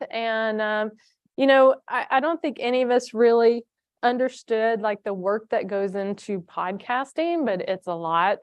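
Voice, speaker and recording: A woman's voice: fairly high pitch, smooth, no room sound. A woman from a nonprofit giving a conference presentation, talking in a chatty way with many fillers and restarts. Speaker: foundation staff presenter.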